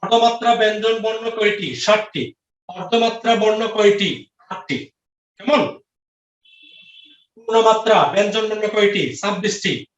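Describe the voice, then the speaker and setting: The high-voiced man leading this online grammar lecture is unhurried and pauses often, restating each question and answer and checking with his students. Recording quality is lo-fi: dull, roomy, and distant.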